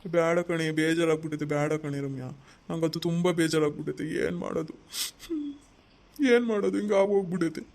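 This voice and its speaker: A man's voice: fairly high pitch, level tone, brisk, vocal fry, a little hiss or hum. An actor playing a dejected man who just lost his job, gloomy and resigned. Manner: gloomy, resigned, repeating himself. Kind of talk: amateur family drama skit.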